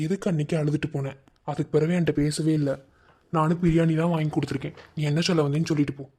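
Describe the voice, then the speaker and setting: A woman's voice: low-pitched, steady tone, racing, mellow, slightly rough. A woman voicing a pushy, curious young village woman in a cartoon, with a Madurai Tamil accent. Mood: pressing. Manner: pushy, exclaiming. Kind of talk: cartoon voice acting.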